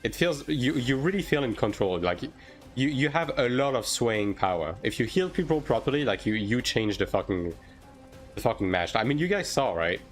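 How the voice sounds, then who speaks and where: With soft music in the background, a French game streamer whose first language is French chats with viewers at a moderate pace in an animated, medium-pitched voice. His style is informal and hedging, and he tends to tag his sentences with "right?".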